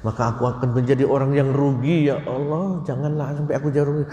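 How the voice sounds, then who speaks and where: A man preaching a lively mosque sermon, acting out dialogue and quoting Arabic verses. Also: mid-range voice, fast talker, a little hiss or hum. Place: mosque hall. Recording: echoey mosque hall.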